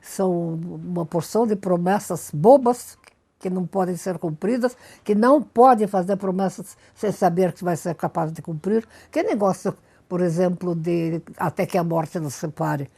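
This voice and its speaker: Warm-voiced older woman telling stories. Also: on the low side, moderate pace, breathy edge. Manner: lively anecdotal storytelling with emphatic repetition. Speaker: interviewee. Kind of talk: storytelling interview.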